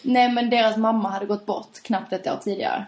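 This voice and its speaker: A woman in casual conversation, telling a story in an animated way and laughing often. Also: on the high side. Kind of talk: casual chat. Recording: roomy echo.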